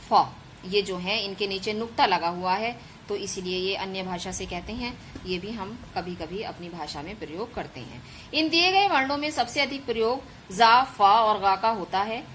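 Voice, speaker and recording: A woman's voice: mid-range voice, normal speed, few pauses, fairly bright tone, slight background noise, low-quality recording. A woman schoolteacher giving an online grammar lesson to children, patiently explaining step by step and drawing out sounds as examples. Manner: addresses pupils as children. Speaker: school teacher.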